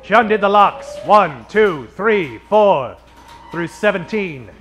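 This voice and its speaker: This high-pitched, slightly bright man speaks with lively intonation as he narrates a playful 1940s-style radio detective show over background music. He plays it theatrical and melodramatic, lingering on his punchlines.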